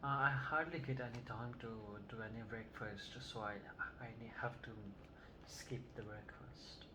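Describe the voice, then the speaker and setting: A woman playing an older Vietnamese-born male patient who answers in a halting, hesitant way in a scripted health assessment role-play. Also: very deep voice, fairly even intonation. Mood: calm. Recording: noticeable background noise.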